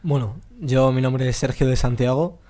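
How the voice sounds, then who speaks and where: A man in his twenties from Spain, a university student guest speaking in a measured, slightly hesitant way. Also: medium pitch, steady tone, warm tone. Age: 20s. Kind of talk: casual chat.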